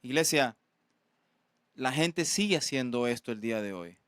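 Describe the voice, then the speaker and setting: A man's voice: medium pitch, lively intonation, a bit bright, dry recording, studio quality. A man preaching a sermon as pastor, earnest and often checking in with his listeners. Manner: earnest, asks "¿verdad?" often, halting restarts.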